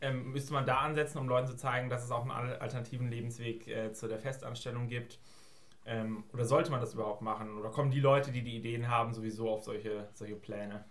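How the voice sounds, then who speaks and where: A man's voice: medium pitch, steady tone, quick pace, fairly bright tone. A man hosting an interview, asking long, stacked questions in a casual tone. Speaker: host.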